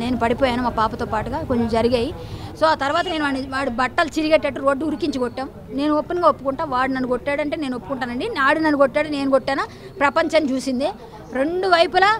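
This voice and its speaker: A woman's voice: high-pitched, fairly bright tone. A woman, speaking in a heated news interview in a fiery, defiant and accusatory way.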